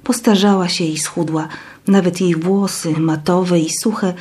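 A woman reading a first-person story aloud in a dramatic, expressive way. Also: lowish voice, unhurried. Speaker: audiobook narrator. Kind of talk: first-person scripted narration.

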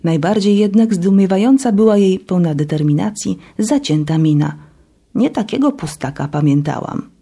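A woman narrating a novel chapter as an audiobook, reading in a steady, even storytelling manner. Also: mid-range voice, moderate pace, breathy edge.

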